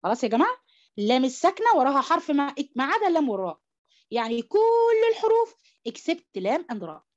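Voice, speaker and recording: Animated Egyptian woman teaching tajweed. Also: high-pitched, fast, highs cut off. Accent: Egyptian Arabic. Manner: animated, coaxing students with questions. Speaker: Quran recitation teacher. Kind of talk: online tajweed class, mixing Arabic and English. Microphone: computer mic on an online call.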